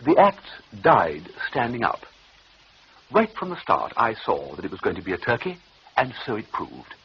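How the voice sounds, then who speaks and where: An actor playing an excitable young upper-class gentleman who narrates in breezy, animated posh slang in a radio play. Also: on the low side, normal speed, creaky, slightly rough, heavily acted. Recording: dull old radio recording with hiss.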